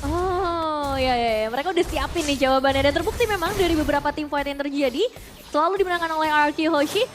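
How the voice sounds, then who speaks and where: Fast, high-voiced Indonesian woman esports caster. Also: soft background music. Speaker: esports commentator. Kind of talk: analytical esports commentary in casual chat.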